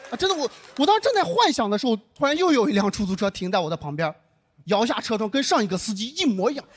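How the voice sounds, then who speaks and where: A man's voice: high-pitched, fast talker. A young man from northern China doing a stand-up comedy set, telling a story and acting out the dialogue himself. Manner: storytelling, animated, acts out dialogue.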